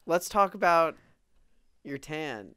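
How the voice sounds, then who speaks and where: Host, young woman from New Jersey, playful and loose, lots of "like", lowish clean voice. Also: expressive, slow pace, sharp tone, clean tone. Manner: playful, says "like" a lot. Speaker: podcast host. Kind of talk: casual chat.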